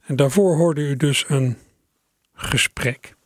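A man with a Dutch accent, a radio presenter giving a calm, measured scripted announcement. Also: on the high side, no echo, clean studio sound.

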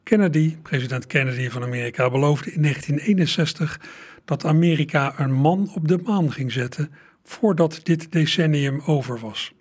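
A man's voice: fairly high pitch, normal speed, a little mellow. A man presenting old recordings to radio listeners in a chatty manner, speaking to them directly.

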